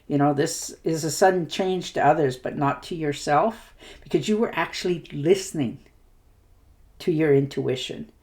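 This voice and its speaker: Low-voiced woman reading tarot. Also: normal speed. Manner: warm reassuring talk with fillers; hiccuping at times. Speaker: tarot reader.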